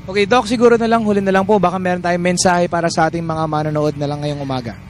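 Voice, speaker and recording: A man's voice: high-pitched, fairly even intonation, fast talker, faint music behind. A man with a Filipino accent co-hosting a morning TV interview, asking polite, wordy questions full of fillers. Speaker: TV host.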